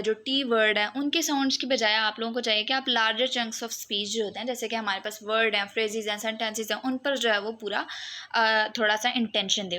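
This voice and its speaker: A young woman teaching an exam-prep lecture, explaining step by step and reading English lines slowly. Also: fairly high pitch, bright, forceful tone. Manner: explains step by step, mixing Hindi-Urdu with English terms.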